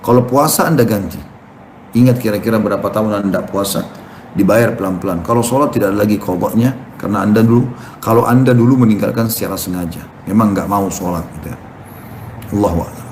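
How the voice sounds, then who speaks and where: Male preacher, low voice, animated storyteller; echoey room with faint noise. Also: quick pace. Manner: animated storytelling, acting out quotes. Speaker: Islamic preacher. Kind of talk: sermon with questions and answers.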